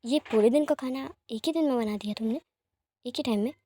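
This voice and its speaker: A woman voicing an anxious, excitable young man who frets over his missing child and scolds over breakfast. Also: on the high side, fairly quick, a little hiss or hum, close to an everyday voice. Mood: indignant.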